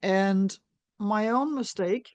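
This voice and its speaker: A woman from Denmark leading an online group meeting, telling a personal story in a relaxed, reflective way. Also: medium pitch, slow pace, no echo. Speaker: meeting facilitator.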